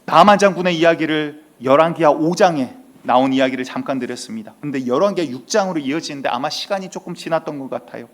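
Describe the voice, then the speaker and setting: A man's voice: on the high side, fast talker, few pauses. A male senior pastor preaching a Sunday sermon with emphatic storytelling and rising outbursts. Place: church sanctuary.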